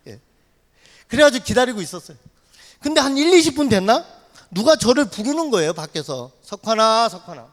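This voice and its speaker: A high-pitched male missionary races through a dramatic personal testimony, his voice leaping up and down as he acts out every shout. He is recorded in a church sanctuary, and his words ring on in a long reverb. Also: a little fast, long pauses. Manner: animated storyteller, acts out shouts and dialogue.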